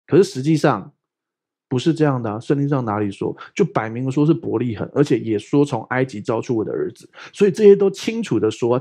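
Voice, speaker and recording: A man preaching a sermon as pastor, talking in a lively, conversational way full of rhetorical questions. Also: a little high, slightly rough.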